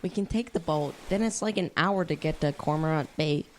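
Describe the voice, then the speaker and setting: A young actor voices a confident teenage ringleader of a gang of kids in a youth radio drama, scheming, bold and persuasive in an informal way. Delivery is lightly acted at a medium pitch and normal speed, with noticeable background noise in the recording.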